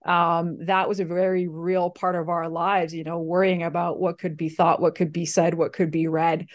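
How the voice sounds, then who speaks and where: A woman guest from Slovakia, whose first language is Slovak, casually tells her story in an interview, with many fillers and restarts. Her voice is lowish, her delivery flat, and her speed normal.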